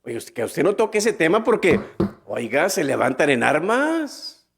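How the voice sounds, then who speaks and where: A man's voice: a little high, sing-song, unhurried, vocal fry, a bit bright, husky. A man preaching a sermon as pastor, reading scripture aloud and breaking in with his own remarks and rhetorical questions to the listener. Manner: reads scripture aloud with added commentary.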